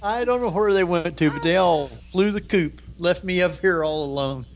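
A man co-hosting a radio show, chatting in a halting, folksy way. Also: sits high. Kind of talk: casual chat, reminiscing. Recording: dull audio with faint hum.

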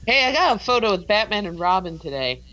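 A woman co-hosts with casual radio chat. Her mid-pitched voice sounds thin, as if over a phone line. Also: sing-song, fast, bright, forceful tone. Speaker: radio show co-host.

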